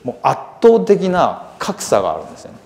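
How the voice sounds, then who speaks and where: A male preacher with a lively, rising and falling voice delivers an earnest church sermon. He presses his points with emphasis and slows down deliberately when reading scripture aloud. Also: sits high. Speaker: seminary lecturer preaching.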